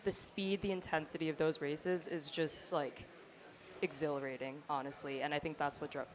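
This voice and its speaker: A hoarse teenage girl talking casually about sprinting as a guest, with lots of "like". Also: deep voice, steady tone, moderate pace, noisy background. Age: teens. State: hoarse from lost voice. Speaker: guest athlete.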